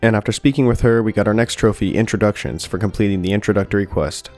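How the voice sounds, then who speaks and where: A young man narrating a scripted video game review in a steady, dry way with light jokes. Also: lowish voice, fast talker. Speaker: gaming YouTuber. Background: soft background music.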